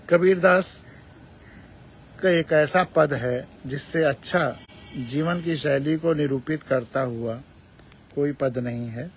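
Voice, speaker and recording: Guy giving a spiritual talk, kinda gravelly voice, a bit high, slow and measured, keeps repeating stuff for emphasis. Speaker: spiritual speaker. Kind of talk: spiritual discourse.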